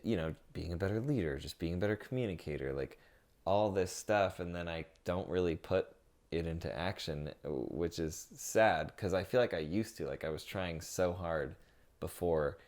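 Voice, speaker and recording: A young man with a very deep voice talks casually and openly about his feelings, rambling and leaning on filler words as he chats with his partner on a podcast. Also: normal speed, darkish tone. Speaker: podcast co-host.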